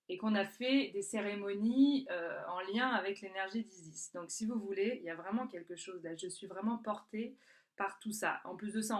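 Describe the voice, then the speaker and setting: A woman talking casually to camera about signs around her, chatty and often restarting and searching for words. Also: medium pitch. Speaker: energy healer. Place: works in a southern French spa town.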